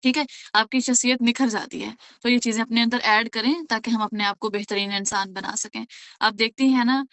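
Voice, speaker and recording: A woman's voice: fairly high pitch, fairly even intonation, fairly bright tone, no room sound. A woman teaching a religious lesson to a class of women, earnest, with many rhetorical questions and frequent check-ins with her listeners. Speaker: Quran teacher.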